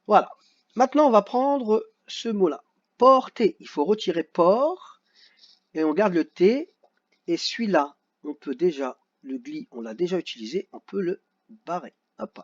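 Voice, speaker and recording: A male teacher works through a children's worksheet in a slow, lively voice that rises and falls a great deal. He sounds out each syllable with patience. The audio is dull and lo-fi. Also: high-pitched.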